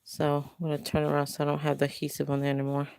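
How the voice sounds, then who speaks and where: A woman's voice: low-pitched, monotone, racing, gravelly, a little mellow, smooth, dry recording. An older woman hosting a casual crafting livestream from home, chatting in a rambling, self-correcting way. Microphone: phone camera.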